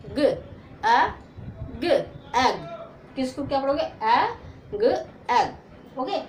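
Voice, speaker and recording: A woman's voice: high-pitched, echoey room, a little hiss or hum, low-quality recording. A woman teaching English phonics in Hindi, who asks her own questions, answers them, and sounds out letters one by one. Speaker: English teacher, channel host. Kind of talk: Hindi phonics lesson at a whiteboard.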